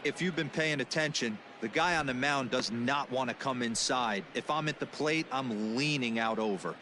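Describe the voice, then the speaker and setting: A man playing a casual baseball color analyst, giving conversational commentary on hitters and pitches. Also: moderate pace, lightly acted. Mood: analytical. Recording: clear background noise of ballpark ambience.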